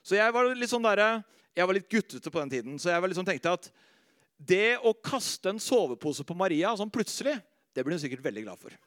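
Male preacher, middle-aged, high voice, anecdotal and animated, dry close sound. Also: no room sound. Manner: animated storytelling, laughs at himself, drops soft and slow on faith lines. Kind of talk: sermon with personal stories.

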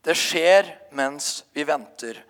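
A man's voice: fairly high pitch, a bit bright, long reverb tail. A man preaching a sermon as a pastor, telling stories with frequent hesitations.

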